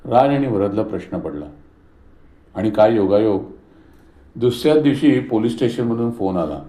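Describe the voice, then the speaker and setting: Male narrator, low and mellow, calm storybook reading, roomy recording. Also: moderate pace. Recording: roomy echo.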